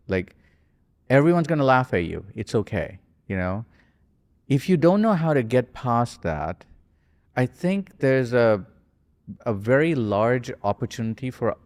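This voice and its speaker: A man's voice: fairly low pitch, a little mellow. A man in his forties, a podcast guest, musing at length with frequent restarts and self-corrections. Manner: thoughtful, rambling, self-correcting. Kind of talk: casual conversation. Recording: long hall reverb.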